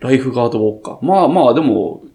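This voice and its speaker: A man's voice: mid-range voice, very animated, rapid-fire, vocal fry, warm tone. A man with a Kansai accent in casual chat, laid-back and chuckling, reading out facts he looks up. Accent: Kansai Japanese.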